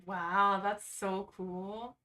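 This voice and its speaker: A woman's voice: mid-range voice, little pitch movement, drawn-out words, bright, forceful tone, distant mic. A woman hosting a casual livestream, chatting informally and reacting off the cuff with sarcastic asides. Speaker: livestream host. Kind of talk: casual livestream chat, reading quizzes aloud.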